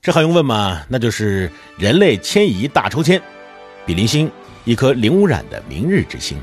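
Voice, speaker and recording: A man playing a glib television news anchor with smooth announcer delivery, in an audio drama. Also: medium pitch, huge pitch swings, moderate pace, soft background music. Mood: announcing.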